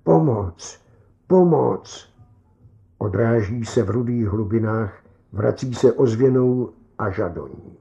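Male narrator, mellow dark voice, tense measured delivery, muffled lo-fi recording. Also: on the low side. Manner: tense, measured dramatic reading. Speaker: audiobook narrator. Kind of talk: first-person story narration.

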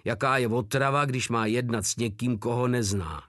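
A man's voice: mid-range voice, fairly bright tone, no echo, studio quality, natural voice. A man voicing a huge crude male soldier who mocks and swears with brutal cheer. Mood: mocking. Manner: coarse, mocking, swearing.

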